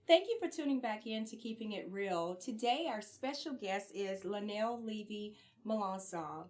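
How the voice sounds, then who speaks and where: A woman's voice: mid-range voice, lively intonation, normal speed, a little mellow. A woman co-hosting a talk show, asking questions and affirming the guest in an encouraging way. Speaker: co-host interviewer.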